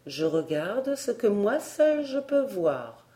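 A woman reading the lines of a serene fairy governess in a storybook, in a calm, measured way. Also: mid-range voice.

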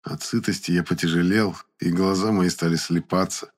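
A man narrating an audiobook in the first person with an even storytelling delivery. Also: low voice, normal speed.

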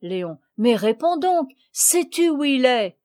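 A woman's voice: high voice, sing-song, a little slow, darkish tone. Woman reading as a boastful touchy boy. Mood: indignant. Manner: indignant, defensive.

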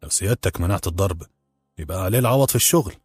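A man gives voice to a quick-tempered Egyptian head chef who talks roughly and fast. The voice is husky and low, and it sits close and dry in the ear, with faint music beneath it. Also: expressive, a little mellow, no echo. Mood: angry. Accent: Egyptian Arabic. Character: gruff middle-aged male head chef, quick-tempered.

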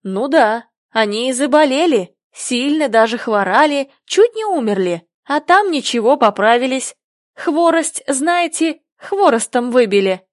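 A woman voicing a sleepy dormouse in a storybook, talking in a drowsy, hoarse way. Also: sits high, animated, no echo, clean studio sound. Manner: drowsy, hurried.

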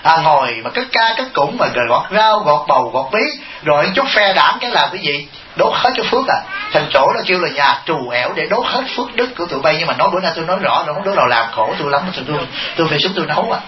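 Joking high-voiced monk in an echoey hall. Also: male voice, lively intonation, quick pace, few pauses, background noise. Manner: joking, rhetorical questions to the audience, chuckling. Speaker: Buddhist monk teacher. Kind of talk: humorous dharma talk. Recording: echoey, muffled hall recording.

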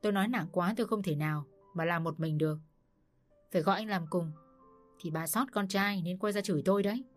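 Casting: a woman as a cool, curt young wife, low-voiced, storybook. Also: fairly quick, soft background music, lightly acted. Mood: defiant. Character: defiant calm young daughter-in-law.

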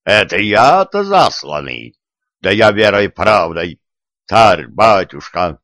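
A man's voice: lowish voice, big pitch swings, slow pace, a bit bright, dry recording, exaggerated voice. A man voicing a fawning royal executioner. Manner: eager, pleading, servile. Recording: dull, dry lo-fi recording.

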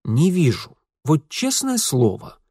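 A man's voice: a little high, wildly swooping pitch, slow, mellow, husky, dry recording, pitched above the performer's own voice, full character voice. A man reading an audiobook, voicing Mitya, a dry, sarcastic young man, close to his own reading voice. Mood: wry. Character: sardonic young man, wry and grumbling.

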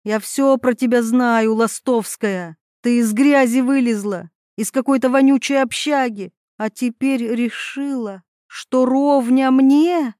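A woman's voice: sits high, measured pace, few pauses, a little mellow, no room sound, clean studio sound, voice pushed up. A woman voicing a hysterical, jealous young woman who screams insults in a storybook reading. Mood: shrieking furious.

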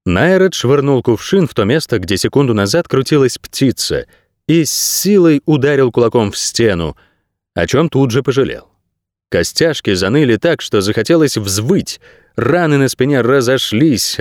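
A man's voice: medium pitch, darkish tone, no echo, clean studio sound. A man reading an audiobook as narrator, telling the story expressively. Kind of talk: scripted narration.

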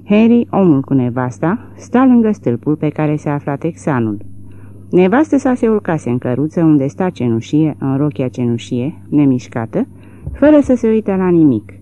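A woman with a low, dark voice narrates a novel, and her reading is measured and expressive, with lively swings in pitch. The recording sounds slightly dull and lo-fi. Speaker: audiobook narrator. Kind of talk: literary audiobook narration.

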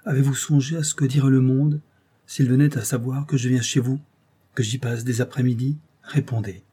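A man reading an audiobook, voicing a gentle but firm young noblewoman in a raised, earnest voice. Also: mid-range voice, fairly even intonation, moderate pace, slightly rough, close to an everyday voice.

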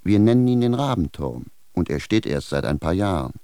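A blunt, bewildered village shoemaker. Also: male voice, low-pitched, sing-song, fairly quick, warm tone, no room sound, clean studio sound. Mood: indignant. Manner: indignant, plain-spoken. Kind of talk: radio drama acting.

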